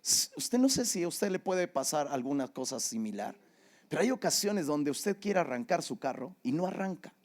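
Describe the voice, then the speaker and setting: A man's voice: a little high, sing-song, moderate pace. An older man with a Mexican Spanish accent, preaching a sermon and telling a personal story in a conversational way. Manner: conversational storytelling, often asks "¿verdad?". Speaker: pastor.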